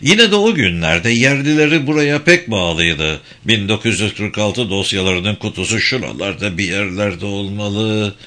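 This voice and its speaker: A man's voice: lowish voice, expressive, moderate pace, hardly any pauses, bright, forceful tone. A man reading the lines of a helpful small-town lawyer in his fifties. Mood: obliging. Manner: helpful, obliging.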